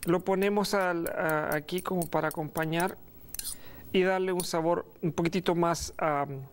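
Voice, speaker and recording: A middle-aged man presenting a recipe on a studio kitchen set, relaxed and pausing often with fillers. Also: a little high, clear, resonant tone. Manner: relaxed, hesitant with many fillers. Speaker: cooking show host. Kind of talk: cooking demonstration.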